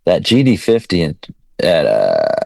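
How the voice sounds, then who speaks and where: A man's voice: deep voice, huge pitch swings, measured pace, creaky, crowd noise. A man guesting on a podcast, speaking hesitantly with frequent restarts. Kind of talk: casual chat.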